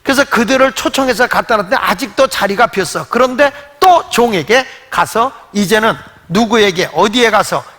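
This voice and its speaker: A man's voice: sits high, moderate pace, few pauses. An older man pastor preaching a Sunday sermon in a church, telling stories and acting out the voices of the people in them. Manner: animated storytelling, acts out quoted voices. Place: church sanctuary. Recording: long hall reverb.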